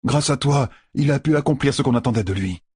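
A man reading an audiobook voices a weary young lord and blacksmith who speaks earnestly and gently. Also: medium pitch, fairly quick, husky, no room sound, clean studio sound, voice pushed up, natural voice. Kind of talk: audiobook character voice.

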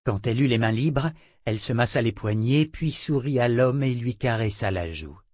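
A man narrating an audiobook in a measured, even storytelling manner. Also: medium pitch, dry recording.

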